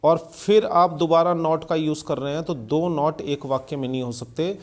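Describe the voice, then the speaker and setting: Male tutor, slightly high voice, patient explainer who keeps checking in. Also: a little mellow. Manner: explains slowly with examples, often checking understanding. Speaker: English teacher. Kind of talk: video lesson explaining English grammar.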